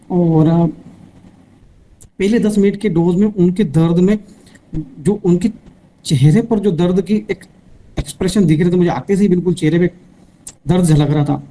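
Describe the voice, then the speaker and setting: A male teacher recounts a patient's case to his class in a storytelling way, voicing both doctor and patient. His voice is very mellow and relaxed. It sits slightly high. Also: low-quality recording. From India. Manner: retells a patient case, quoting both sides. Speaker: homeopathy teacher.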